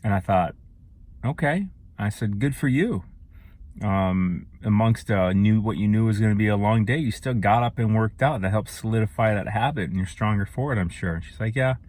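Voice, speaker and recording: A man's voice: lowish voice, normal speed, a little mellow, no echo. A man talking to camera in a casual, rambling monologue that grows emphatic and profane. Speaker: vlogger.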